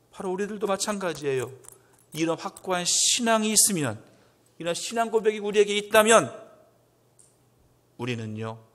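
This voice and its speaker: A man preaching a Sunday sermon as pastor, acting out quotes with swings up to loud, emphatic peaks. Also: high voice. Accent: Korean. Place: church sanctuary. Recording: long church hall reverb.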